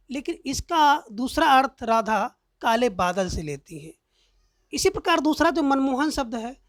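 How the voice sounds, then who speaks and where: A woman teacher explaining a grammar lesson slowly and deliberately, reciting verse examples. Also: on the high side, no echo, studio quality.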